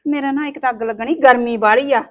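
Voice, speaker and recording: A woman speaks in a high voice at a quick pace, acting it lightly. She plays a sharp-tongued, scheming young daughter-in-law in a village family drama, scolding and wheedling, and her mood here is wheedling.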